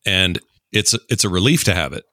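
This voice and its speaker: A man giving a measured, deliberate critique as a judge on a podcast contest. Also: low-pitched, lively intonation, sharp tone, no room sound, clean studio sound. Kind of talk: casual critique.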